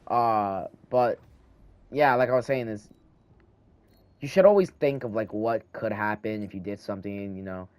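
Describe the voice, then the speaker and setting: This teen gaming host meanders through casual talk as he plays at home, frequently restarting his sentences and lisping slightly. His handheld mic captures a voice on the low side, a little mellow and at a normal speed, clean with no echo.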